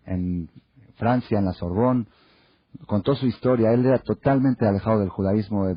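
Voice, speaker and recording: A man's voice: on the low side, slightly rough, dry recording. A man giving a Torah class as a rabbi, telling stories with rhetorical questions and acted-out quotes. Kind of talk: Torah class with humorous anecdotes. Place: lecture hall. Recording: dull lo-fi archive tape.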